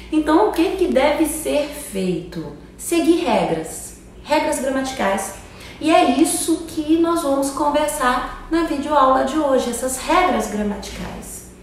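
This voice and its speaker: Woman teacher, fairly high voice, chatty video-lesson delivery, echoey room with the mic a little far off. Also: slight background noise. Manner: chatty, asks "tá?" after almost every phrase. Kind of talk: online grammar lesson.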